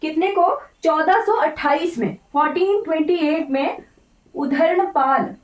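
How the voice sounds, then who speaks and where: In this lo-fi, echoey recording made with a distant mic, an unhurried Indian woman teaches an online exam-prep class. She speaks in a high voice that is slightly off today, lecturing informally in Hindi mixed with English terms. Instructive and repetitive, she restates key points and often checks that students follow by asking "right?".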